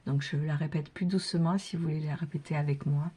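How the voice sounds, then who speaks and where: A soft-spoken woman doing a spiritual card reading and leading a prayer. She whispers asides to herself and repeats her thanks and prayers slowly. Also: sits low, steady tone, breathy edge.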